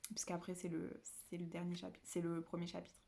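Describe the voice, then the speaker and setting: A woman's voice: lowish voice, completely flat delivery, brisk, gravelly, dark tone. A woman from the south of France chatting casually to camera about her books at home, rambling with many fillers and restarts. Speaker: book vlogger.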